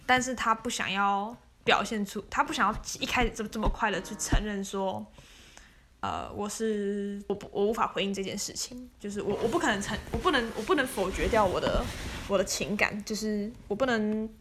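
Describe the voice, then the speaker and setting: A woman's voice: mid-range voice, expressive, a little fast, background noise. A woman, casually telling stories as a podcast host, chatty and laughing often. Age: 20s. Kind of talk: casual storytelling monologue.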